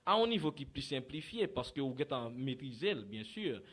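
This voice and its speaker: A man's voice: mid-range voice, sing-song, normal speed, a bit bright. A Haitian man, a native Creole speaker with a Haitian accent, teaching English pronunciation in an informal video lesson, hesitant and full of fillers and restarts. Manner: hesitant, many fillers and restarts, mixing languages.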